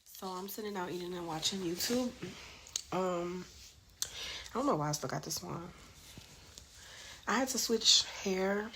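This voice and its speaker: A woman's voice: on the low side, fairly bright tone, slight background noise. A woman vlogger, chatting casually and ranting heatedly with cursing. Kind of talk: casual chat.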